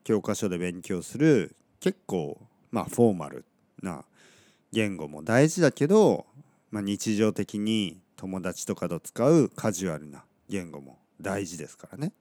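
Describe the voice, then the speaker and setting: Lively low-voiced man teaching casually. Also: a little slow, no echo. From Oita, Kyushu, Japan. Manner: relaxed, chatty, many soft fillers, self-correcting. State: slightly scratchy throat. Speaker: Japanese teacher podcaster. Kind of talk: casual podcast lesson monologue.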